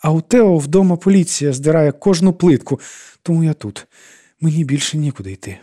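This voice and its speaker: A man reading an audiobook and voicing a distraught woman with a thin, strained, hoarse voice and a sharp, bitter manner. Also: on the high side, lively intonation, fairly quick, pitched above the performer's own voice. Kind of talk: audiobook character voice.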